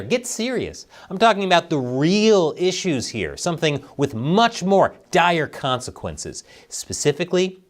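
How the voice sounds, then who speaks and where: A man hosting a satirical news show, delivering the headlines with sarcastic jokes. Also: on the high side.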